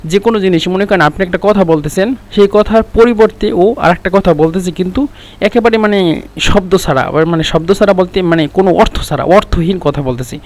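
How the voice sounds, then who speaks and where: Man teaching a lesson, kinda high voice, talks casual, repeats words slow for practice. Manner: explains patiently, repeats phrases slowly to drill pronunciation; conversational, chatty teaching tone. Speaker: Arabic language teacher.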